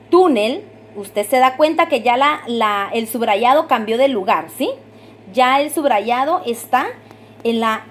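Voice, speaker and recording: A woman teacher giving a recorded grammar lesson, patiently repeating rules, asking her students to repeat them and drawing out each example word slowly. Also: high voice, slight background noise. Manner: stretches out example words slowly.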